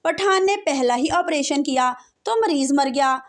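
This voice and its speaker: A woman's voice: high-pitched, expressive, unhurried, a little hiss or hum. A woman reading out a string of short jokes, with a laugh track between punchlines. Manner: punchlines followed by canned laughter. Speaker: joke teller.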